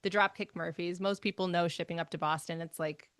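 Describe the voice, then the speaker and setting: A woman's voice: on the low side, fairly even intonation, brisk, fairly bright tone, no room sound. A woman guest, a musician and songwriter, telling a story in a casual interview and laughing often.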